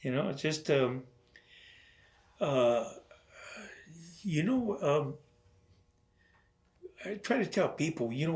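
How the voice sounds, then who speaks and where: Older man, oral history interview, storytelling, acts out dialogue, halting restarts, mid pitch. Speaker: interviewee, veteran.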